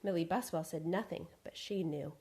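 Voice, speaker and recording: A woman reading a picture book aloud in an expressive, animated way. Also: lowish voice, moderate pace, breathy edge. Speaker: storyteller.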